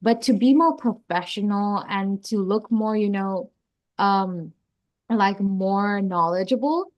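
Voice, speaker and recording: A woman's voice: medium pitch, slow, highs cut off. A woman explaining grammar to young children in a casual, chatty way, often saying "like" and restarting sentences. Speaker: teacher.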